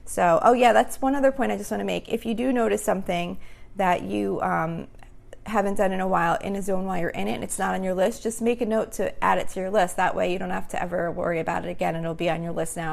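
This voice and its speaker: A fast-talking woman with a mid-range, slightly mellow voice and vocal fry rambles through her casual solo podcast. She uses "um" and "like" constantly, and her voice has grown a little worn, as if she's starting to lose it.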